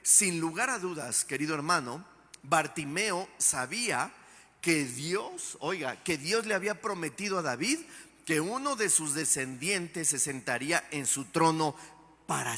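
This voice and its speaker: High-voiced, emphatic male pastor. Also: bright, forceful tone, long reverb tail. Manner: emphatic, asks the congregation rhetorical questions. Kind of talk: sermon. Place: church.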